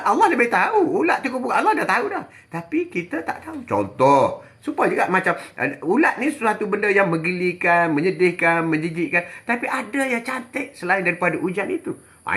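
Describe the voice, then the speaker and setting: An older man, giving an animated live religious talk. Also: sits high. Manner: animated, repetitive preaching with quoted voices. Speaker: preacher.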